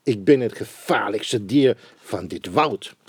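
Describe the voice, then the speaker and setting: A man's voice: lowish voice, animated, takes it slowly, husky, no room sound, clean studio sound, full character voice. A man voicing a small, clever, boastful male mouse in a storybook reading.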